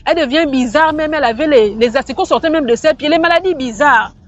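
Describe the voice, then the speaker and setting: A woman's voice: high-pitched, fast. A woman telling a personal mystical experience in a casual, rambling way, often restarting and repeating words. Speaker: storyteller sharing a personal testimony. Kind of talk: casual first-person storytelling. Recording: slightly muffled, faint background music.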